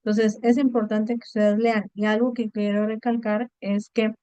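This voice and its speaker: A woman's voice: fairly high pitch, flat delivery, moderate pace, warm tone, smooth, no room sound. A woman teaching an online class, explaining patiently and checking in with her students often. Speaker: online course tutor. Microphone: video call.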